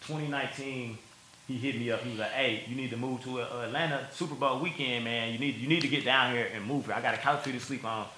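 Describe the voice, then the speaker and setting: A man from Milwaukee tells his story in a casual interview, talking fast in a bright, forceful voice. He is slangy and emotional, laughing through tears. The room around him rings with echo. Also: medium pitch, steady tone, slight background noise. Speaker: content creator telling his story.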